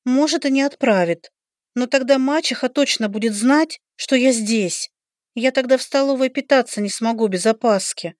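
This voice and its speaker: A timid young student girl whose voice climbs high and bright when she is worried, as a woman reader puts her on. She pleads softly and sounds close to tears. The recording is dry and close. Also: moderate pace, no room sound, close to an everyday voice. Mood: anxious. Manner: timid and pleading, voice lifting higher. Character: shy, anxious young woman healer student. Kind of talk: audiobook character voice.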